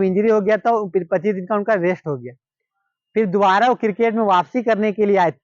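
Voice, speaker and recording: High-voiced Indian man retelling a story. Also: dry recording, highs cut off. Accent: Hindi-speaking Indian. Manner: repetitive, conversational retelling with quoted dialogue. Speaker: cricket storyteller. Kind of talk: casual storytelling narration.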